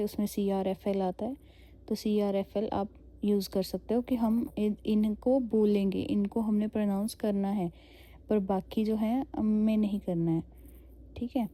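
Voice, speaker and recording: Woman, language teacher, patient explanations, slow delivery, very dark mellow tone. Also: medium pitch. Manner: explains patiently, mixing Hindi and English, frequent "okay?"; spells words out letter by letter. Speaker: French teacher. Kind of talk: online language lesson.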